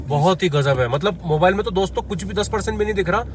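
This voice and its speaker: An eager male travel vlogger narrates from inside a car, chatty and keyed up. His voice sits slightly high and he is a bit out of breath from the altitude. A faint drone of the vehicle runs underneath. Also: fast talker, slight background noise. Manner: excited, chatty, addresses viewers as friends. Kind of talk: travel vlog narration while driving. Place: inside a car on a mountain road.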